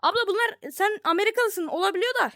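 A young woman from Turkey giving casual, playful commentary on a virtual reality game, taunting the characters in mock-friendly tones with sudden bursts of shouting. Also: very high-pitched, quick pace, no room sound, studio quality, faint music behind. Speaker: gaming streamer.

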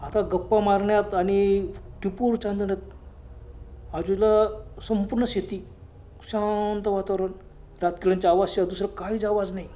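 High-voiced man telling a ghost story. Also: flat delivery, warm tone, slight background noise. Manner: dramatic, unhurried telling with exclamations. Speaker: storyteller, channel host. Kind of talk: spoken ghost story narration.

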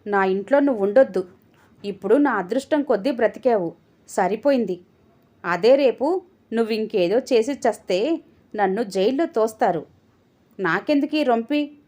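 A woman voicing a scornful, arrogant drunken husband in a storybook tale, talking with a sneer and shouting at his wife. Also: on the high side, lively intonation, moderate pace, pauses often. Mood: dismissive.

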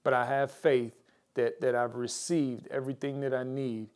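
In a flat, clean, mid-range voice at a moderate pace, an American pastor addresses viewers directly in a mid-week church sermon featuring prayer and scripture. He exhorts them and repeats key phrases for emphasis.

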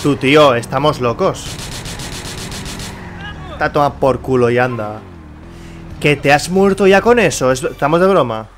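A man's voice: mid-range voice, a little slow, long pauses, slight background noise. A young man with a Spanish accent giving casual gameplay commentary, swearing and grumbling at the characters on screen. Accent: Spain Spanish. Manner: exasperated, swears often, talks to game characters. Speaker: gameplay streamer. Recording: faint background music and game car sounds.

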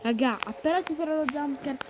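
A woman giving excitable, chatty commentary while playing a game, talking to her viewers and to the game characters. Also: high-pitched, fairly quick, over music. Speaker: gaming streamer. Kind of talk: playful gameplay commentary.

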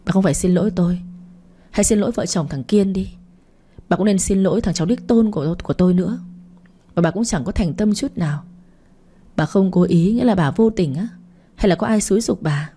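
A woman's voice: medium pitch, a little fast, long pauses, warm tone, husky, natural voice. A woman narrator voicing a stern older father who scolds his wife and daughter in an audio story. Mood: scornful. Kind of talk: audiobook reading.

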